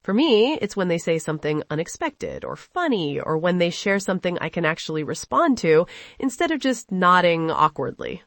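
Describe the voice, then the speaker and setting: A woman's voice: on the low side, big pitch swings, moderate pace, dry recording, clean studio sound. An American woman teaching English in a scripted conversation, playful and teasing with an upbeat manner. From United States.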